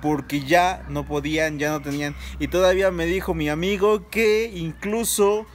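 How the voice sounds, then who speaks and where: Holding a phone out at arm's length beneath the trees, a young miniature rooster breeder vlogs an informal review, speaking with a Mexican Spanish accent and plenty of fillers and restarts. His voice is on the high side, fairly even in intonation, at normal speed. Roosters crow in the background, and there's a little hiss or hum.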